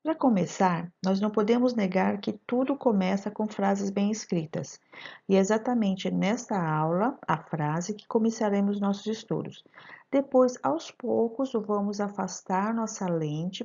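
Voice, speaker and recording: A woman's voice: medium pitch, moderate pace, creaky, dark tone, slightly rough. A woman teacher with a Brazilian Portuguese accent narrating a recorded lesson, putting questions straight to her students. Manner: didactic, addresses students directly with questions. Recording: dull lo-fi voice-over recording.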